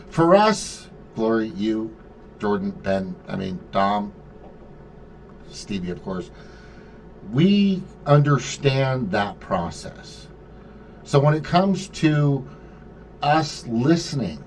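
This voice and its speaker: A man's voice: medium pitch, a little mellow. Guy hosting a call-in chat, rambles and swears a lot, restarts sentences, bit of faint hiss behind. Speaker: podcast host. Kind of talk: casual group chat.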